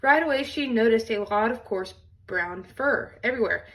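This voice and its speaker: A woman reading a children's storybook aloud in an expressive storytelling style. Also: on the high side, normal speed, far from the mic, rough recording.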